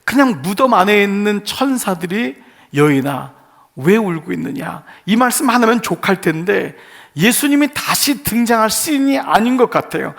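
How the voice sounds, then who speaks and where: A man's voice: high voice, animated, normal speed, a bit bright. A male pastor giving an earnest sermon in short phrases, putting rhetorical questions to his congregation. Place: church sanctuary.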